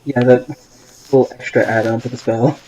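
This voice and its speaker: A man's voice: medium pitch, steady tone, moderate pace, a little mellow. Matter-of-fact man, muffled lo-fi audio. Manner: matter-of-fact about the rules. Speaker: player. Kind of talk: casual tabletop game chat. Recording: muffled lo-fi audio with crowd noise.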